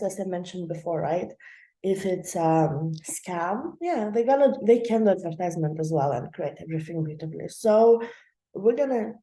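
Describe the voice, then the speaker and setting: Speaking in a mellow, lowish voice, this young woman runs her channel with a casual explainer. The room echoes, and she keeps things chatty and loose, with plenty of fillers and laughter.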